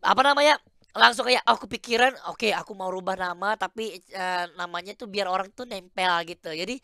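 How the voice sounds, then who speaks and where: A man's voice: high-pitched, fairly quick, pushed and bright, no room sound, clean studio sound. A man chatting playfully as a guest on a talk show. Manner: playful, joking. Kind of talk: casual chat.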